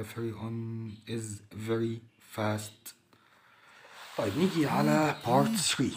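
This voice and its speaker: A man with an Egyptian Arabic accent, explaining an English textbook lesson in a chatty way, saying each English word slowly and translating it. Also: mid-range voice, slight background noise. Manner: chatty, addresses the listener directly. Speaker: English teacher.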